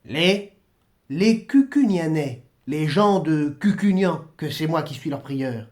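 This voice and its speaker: Man voicing an anxious village priest, humble, pleading, stammering, wide-ranging pitch. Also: lively intonation, takes it slowly.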